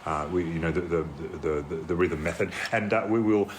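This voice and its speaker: A man's voice: sits low, brisk, slight background noise, close to an everyday voice. A man playing a rambling male therapist who stammers through false starts and hedges constantly. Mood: flustered. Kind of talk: improvised comedy dialogue.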